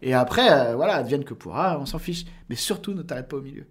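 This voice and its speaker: A man's voice: medium pitch, animated, fast, noisy background. Chatty man, voice actor guest. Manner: explains at length with frequent hesitations and fillers. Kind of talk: casual podcast interview.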